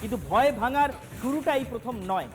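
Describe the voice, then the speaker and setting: High-voiced male news anchor. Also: lively intonation, brisk, soft background music. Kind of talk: news commentary.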